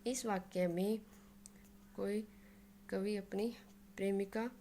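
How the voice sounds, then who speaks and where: A woman's voice: mid-range voice, slow, a little hiss or hum. Woman teaching Hindi grammar. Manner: steady explanatory delivery, mixing English words into Hindi. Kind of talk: explaining a grammar lesson.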